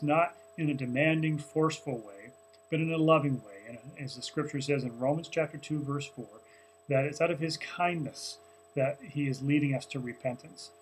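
A pastor in his forties, his voice slightly high, recaps a sermon to camera from a small office, earnest and conversational and full of fillers. He's framed close on a desk webcam, and the recording is rough with a little background noise.

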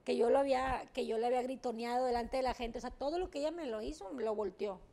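A woman's voice: a little high, fast, vocal fry, warm tone. A woman telling stories as a talk show guest, blunt and emphatic, swearing casually as she talks. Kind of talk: candid interview storytelling.

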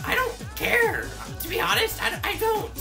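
A man voicing a cocky male hawk racer who leads a gang, in a comedic fan dub, smug and bossy, quick to insult. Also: very high voice, over music.

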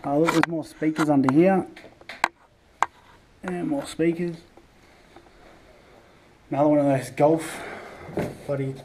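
The man's voice is on the high side and steady in tone; he moves slowly and pauses often as he roams an abandoned indoor campus building, remarking casually on each find. As an urban explorer vlogger he records with a head-mounted action camera, which gives noisy handheld camera sound.

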